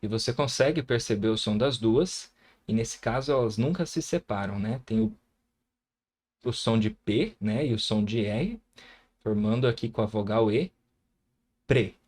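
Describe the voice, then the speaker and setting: With a Brazilian Portuguese accent, a man teaches a recorded grammar lesson, patiently sounding out syllables and often checking in with the viewer. His husky voice sits on the low side with a darkish tone, and his pace is normal.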